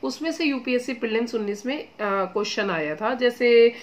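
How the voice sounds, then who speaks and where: With a slightly high voice, lively intonation and a fairly quick pace, a woman coaching students for exams gives easygoing, encouraging study advice. She mixes English phrases into her chat, calls them "beta" and "guys," and keeps asking "theek hai." A faint hiss or hum is audible.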